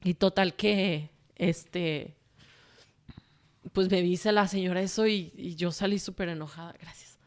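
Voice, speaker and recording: A woman's voice: fairly low pitch, fairly even intonation, measured pace, darkish tone. A woman with a Mexican accent, a guest telling her personal story in a candid, emotional way, swearing freely and rambling with fillers. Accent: Mexican Spanish.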